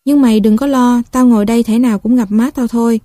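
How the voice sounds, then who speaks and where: A cocky young street boy with a Southern Vietnamese accent, as a woman reads him, bossing and bragging in blunt slang. The voice sits a little high and sounds mellow and dry. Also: steady tone, quick pace, no room sound, close to an everyday voice. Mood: bossy. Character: scrappy, boastful young male street kid.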